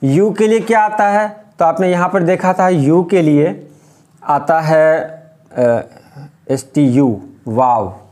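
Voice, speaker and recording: A man teaching how to write letters, explaining patiently and repeating each point slowly. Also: fairly high pitch, a little mellow. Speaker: Urdu script teacher. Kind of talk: step-by-step writing lesson.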